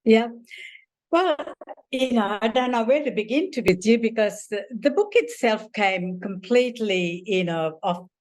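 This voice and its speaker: Responding to an interviewer, this older woman from Sri Lanka, who writes books and works as a family therapist, speaks warmly and wanders at length, restarting often and leaning on "you know." She's a little high-pitched and keeps a measured pace.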